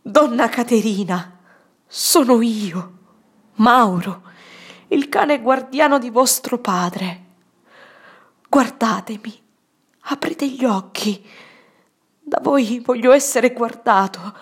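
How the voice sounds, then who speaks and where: A woman reading an audiobook, voicing an old, fiercely loyal male guardian who pleads loudly and passionately in a gravelly, husky voice. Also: fairly high pitch, lively intonation, slow, pauses often, voice pushed up, exaggerated voice. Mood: pleading. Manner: loud, impassioned pleading.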